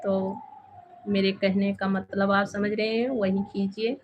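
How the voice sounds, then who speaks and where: A woman hosting a casual live stream from home, softly chatting with viewers and often thanking them. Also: mid-range voice, little pitch movement, unhurried, lo-fi sound, noisy background. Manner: soft-spoken, devotional, thanks viewers often. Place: home with two bedrooms and a temple.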